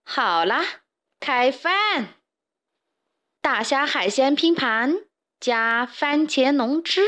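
A woman's voice: sits high, lively intonation, very slow, a bit bright, full character voice. A woman voicing a vain, bossy hen queen in a children's storybook, with a haughty, commanding manner.

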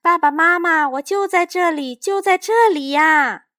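A woman voicing a small, lonely invisible boy in a storybook reading, calling out high and loud. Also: animated, unhurried, no echo, clean studio sound. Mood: crying out.

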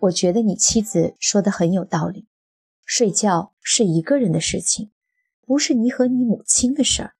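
Woman voicing a calm, firm psychologist. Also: medium pitch, gravelly, husky. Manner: measured and firm.

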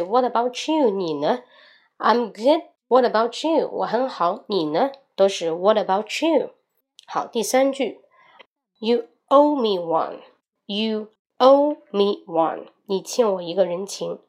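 A woman's voice: medium pitch, a little mellow. Woman teaching English phrases by audio. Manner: repeats English phrases slowly and emphatically, explains in Mandarin.

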